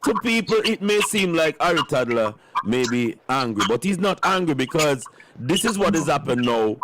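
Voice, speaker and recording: A man's voice: on the high side, slight background noise, rough recording. A man with a Jamaican accent hosting radio in Rasta-style patois, speaking emphatically and repeating phrases for effect. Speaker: radio host. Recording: music playing behind the voice. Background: music.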